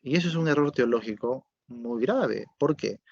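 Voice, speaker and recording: A man's voice: medium pitch, expressive, normal speed, vocal fry, dry recording. A male pastor preaching a sermon, asking rhetorical questions and checking that listeners follow. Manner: rhetorical questions with tag checks, swings from loud to soft. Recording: dull lo-fi dry recording.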